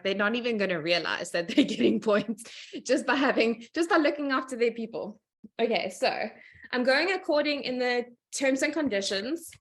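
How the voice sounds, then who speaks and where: A woman's voice: on the high side, a bit bright. Chatty upbeat woman on a video call. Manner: chatty, upbeat, laughs often between points. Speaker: guest speaker, sales team leader. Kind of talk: casual presentation on a video call.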